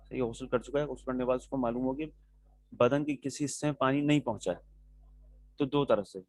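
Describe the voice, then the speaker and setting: A male teacher leads a class on religious rulings at a patient, methodical pace, pausing to check that his students follow. His voice sits at an ordinary pitch. It is recorded dry and close, with no room echo. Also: a little mellow. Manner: patient, explains step by step, checks in with "okay"; answers students' questions directly.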